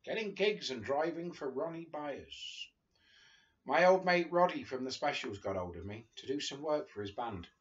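Reading a memoir aloud as a guest, an Englishman in his fifties sounds relaxed and amused from a sofa in a small living room. His fairly high voice is expressive and moderately paced, though the video call audio is dull and lo-fi.

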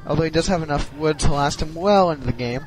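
Brief: slightly high-voiced man, drowsy, halting replay commentator. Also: faint music behind, low-quality recording. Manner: hesitant, many ums and restarts. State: sleepy, yawning. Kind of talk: casual strategy game replay commentary.

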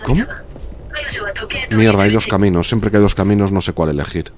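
Low-voiced Spanish man streaming a game. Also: brisk, crowd noise. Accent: Spanish from Spain. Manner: chatty, argumentative, reads out viewer messages. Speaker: gaming streamer. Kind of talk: casual live-stream chat while playing.

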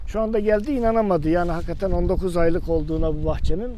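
A man presents casually from an orchard, talking and asking questions. His voice is quite high yet dark and mellow. Faint outdoor noise sits behind him. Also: fairly even intonation, rapid-fire. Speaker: host and orchard adviser. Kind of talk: casual field presentation and interviewing.

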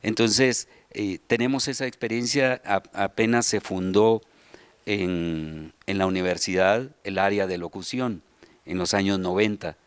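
A middle-aged man with a Guatemalan accent explaining things in an interview, often pausing to find his words. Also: fairly low pitch, clear, resonant tone, dry recording. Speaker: children's radio theater subdirector and voice announcer. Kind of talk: interview answers, explanatory talk. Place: large hall with seated group, indoors. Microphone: handheld interview microphone.

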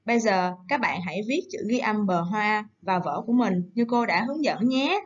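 A woman teacher giving a recorded lesson to young children, coaxing and gentle, slowing down to read words aloud. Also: medium pitch, animated, muffled recording. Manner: gentle, coaxing, slow syllable-by-syllable dictation. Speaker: primary school teacher.

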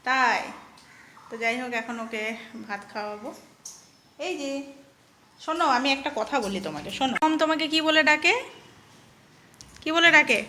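A woman's voice: sits high, expressive, normal speed, pauses often, pushed and bright, slight background noise. A young adult woman vlogging at home, coaxing her small child with repeated questions. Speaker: vlogger and mother. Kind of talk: casual home vlog. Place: family home.

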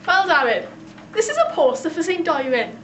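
Young female presenter, South Wales Valleys accent, high voice, homemade explainer video with echoey sound. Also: wildly swooping pitch, moderate pace. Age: young adult. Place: small computer room, living room and shopping streets. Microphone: camcorder microphone a few feet away. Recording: roomy echo with clear background noise.

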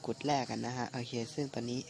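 A man doing casual gameplay commentary in a halting, muttering way, his voice phlegmy from recovering from flu. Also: mid-range voice, steady tone, gravelly, heavy background noise. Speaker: gaming channel host.

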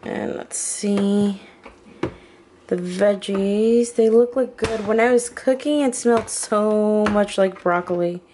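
A woman's voice: medium pitch, slow pace, background noise. A woman talking casually through her meal prep in a home kitchen, chatty and a little hesitant, often correcting herself. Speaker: vlogger.

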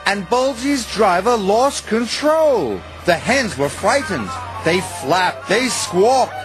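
Male storybook narrator, slow and very animated in pitch. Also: music in the background. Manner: slow, warmly expressive storytelling.

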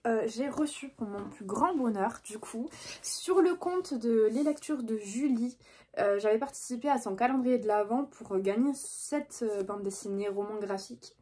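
A young woman with a husky, slightly breathy voice talks through her book haul in a relaxed vlog. She chats in a hesitant way, full of small fillers and restarts. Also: medium pitch. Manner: chatty, hesitant with many fillers. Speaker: book vlogger. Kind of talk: casual book haul chat.

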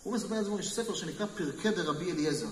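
A man's voice: high-pitched, a crowd in the background. A man, a rabbi, telling stories in a Torah class and asking the listeners questions as he goes. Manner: lively storyteller, talks with listeners and asks them questions. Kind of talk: storytelling Torah lesson to a live group. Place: hall with a small live audience. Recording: echoey hall, mic far off, faint noise.

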